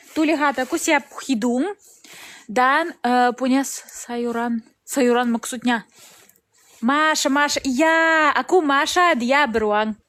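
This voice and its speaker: A Russian woman speaking Indonesian as a foreigner with a Russian accent, chatting casually on an outdoor live stream and pausing to search for words. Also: sits high, a bit bright. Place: outdoors in the snow.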